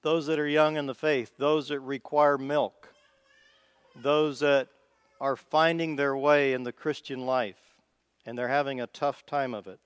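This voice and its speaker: Unhurried and steady, a preacher with a Midwestern American accent gives an informal, folksy sermon, thinking aloud with small restarts. His medium-pitched voice is clear and resonant, captured in a dry recording.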